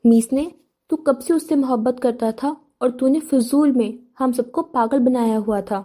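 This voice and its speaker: A woman's voice: a little high, steady tone, warm tone, lightly acted. Teasing young male friend, read by a woman. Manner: teasing, prodding questions. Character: teasing, curious young man, a close friend.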